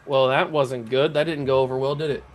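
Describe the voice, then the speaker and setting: A man giving casual commentary while playing a game, thinking aloud, talking to enemies, his voice a little rough and strained. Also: mid-range voice, fairly even intonation, fairly quick. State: voice going, clearing throat. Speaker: let's play gamer.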